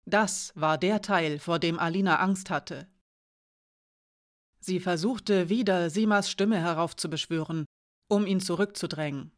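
A woman with a fairly low voice reads a novel aloud. Her delivery is measured and expressive. It is a scripted audiobook narration.

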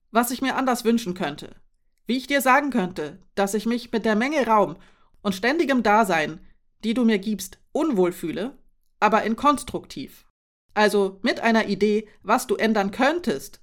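A woman's voice: on the high side, natural voice. A woman reading aloud voices a frustrated young woman who is angry about her dependence, speaking in a heated, raised voice.

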